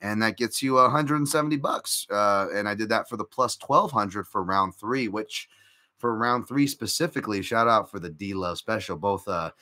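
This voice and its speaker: Hosting a relaxed live-stream podcast, a man rambles through his betting picks with frequent fillers and restarts, chatting and reacting to viewer comments. His pitch is fairly low and his tone sharp, at a normal speed.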